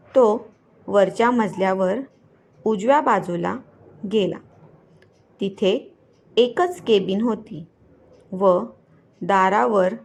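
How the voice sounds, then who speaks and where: Woman storyteller, mystery reading, very slow, gravelly, deliberate. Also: medium pitch. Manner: measured, deliberate narration.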